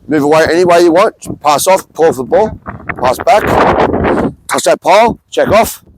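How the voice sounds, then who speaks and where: A man coaching players through football drills outdoors, mixing brisk clipped commands with calm explanations. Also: on the high side. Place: outdoor sports field on a windy day. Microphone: camera mic on the field. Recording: wind and outdoor noise on camera mic.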